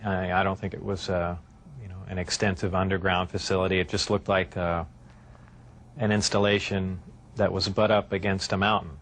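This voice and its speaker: A man answering interview questions in a hesitant way with many filler pauses, heard from a worn VHS tape copy. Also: sits low, little pitch movement, a bit bright. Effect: worn VHS tape copy with faint hiss.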